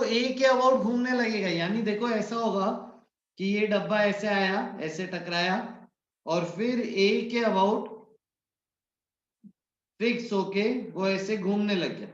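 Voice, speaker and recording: High-voiced man teaching a physics class. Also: a bit bright. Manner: coaxing, addresses students by name; mixes English physics terms into his talk. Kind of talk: online class lecture. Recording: muffled echoey room.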